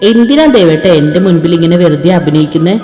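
A man voicing a tearful, loving pregnant young wife in an audio story, with a soft pleading tone. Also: a little high, quick pace, natural voice. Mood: teasing. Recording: echoey room with long reverb and faint music.

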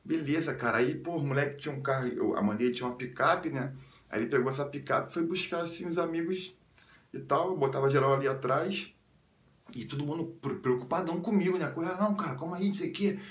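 A man's voice: a little fast, echoey room. Slangy Carioca man telling stories. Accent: Carioca Brazilian Portuguese. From Rio de Janeiro suburbs, Brazil. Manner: slangy, animated, jumps into high squeals when quoting others. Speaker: vlogger. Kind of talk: casual storytelling.

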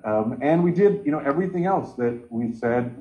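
Brief: man in his 40s, chairing a video call, medium pitch, dull lo-fi laptop sound. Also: animated, moderate pace, mellow. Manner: earnest, gesturing with both hands. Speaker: caucus meeting chair. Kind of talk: online meeting remarks. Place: home room with bookshelves.

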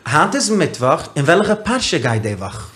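A man talking as a podcast guest, telling a story in a casual, animated way and asking a lot of rhetorical questions. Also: on the high side, normal speed. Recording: roomy echo.

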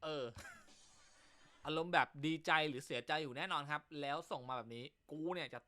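A man's voice: a little high, fairly quick, sharp tone. A male comedy host telling jokes in casual chat, teasing banter full of crude slang.

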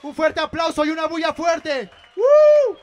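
A man hosting a live rap battle, loudly rallying for cheers and calling time. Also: very high-pitched, fairly even intonation, normal speed, highs cut off. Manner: loud, rallying, calls for noise. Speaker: battle host. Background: hip hop beat.

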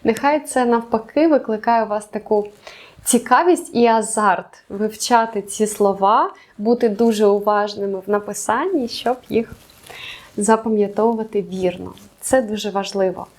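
A woman teaching a beginners' language lesson, explaining patiently and slowing down for examples. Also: medium pitch, a little mellow. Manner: patient, clear explanations with slow spelled-out examples.

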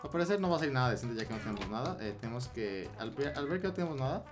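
A young man with a Mexican accent giving excitable gameplay commentary, swearing and repeating words in rapid bursts. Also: medium pitch, music in the background. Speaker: Minecraft gameplay YouTuber.

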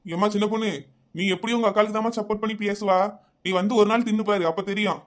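A man's voice: high-pitched, fairly even intonation, fast, close to an everyday voice. A man voicing a scolding, complaining middle-aged village husband in a cartoon comedy, with a Kanyakumari Tamil accent.

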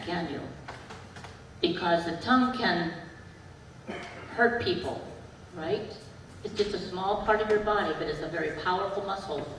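A low-pitched woman speaks gently to children as their pastor, checking in with simple questions. She is picked up from far off in a large church sanctuary. The sound has a long, echoing hall reverb. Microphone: far camera. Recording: echoey church from far off, background noise.

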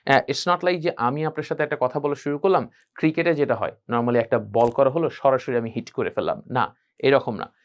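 A man teaching a spoken English class, animated and drilling phrases by repeating them. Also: mid-range voice, normal speed, muffled recording. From Bangladesh.

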